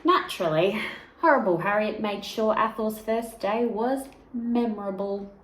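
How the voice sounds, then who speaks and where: A woman with a mid-range voice reads a children's picture book aloud the way a teacher would, expressive and deliberate, stressing key words and adding asides to young listeners. The room is echoey, with faint background noise.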